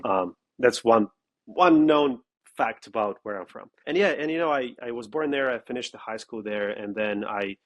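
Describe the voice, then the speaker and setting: A man's voice: medium pitch, normal speed. A man from Russia, a startup founder speaking bluntly and emphatically as an interview guest. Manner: blunt and emphatic, with frequent "okay?" asides. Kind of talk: casual interview talk.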